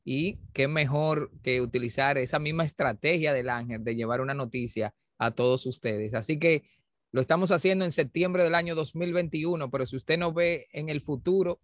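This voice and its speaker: Courteous host with a dry, close voice. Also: male voice, a little high, moderate pace, dry recording. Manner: courteous and welcoming. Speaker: press agency director and host. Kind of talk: formal program introduction.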